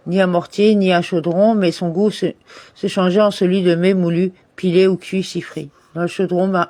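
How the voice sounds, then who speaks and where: A man's voice: high voice, darkish tone, dry recording. A man reading a commentary text aloud for a daily study lesson, steadily, with occasional restarts and corrections. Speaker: Torah study reader.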